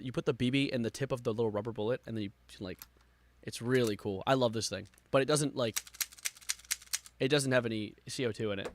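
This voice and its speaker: A man doing live stream reaction commentary with exasperated, sarcastic complaining, moving between muttering and louder outbursts. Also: medium pitch, slight background noise.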